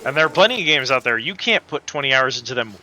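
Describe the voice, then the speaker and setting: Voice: medium pitch, animated, fast talker, bright, forceful tone, low-quality recording. A livestream host chatting casually and effusively with viewers while playing a video game. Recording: game music behind the voice. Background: video game music.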